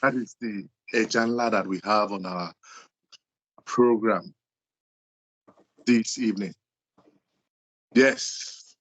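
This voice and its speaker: A man with a Nigerian accent hosting an interview show, speaking slowly and respectfully and thanking his guest often. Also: lowish voice, steady tone, fairly bright tone. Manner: slow, deliberate and respectful, with frequent thanks. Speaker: host. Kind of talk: hosting an interview show, mixing English and Yoruba.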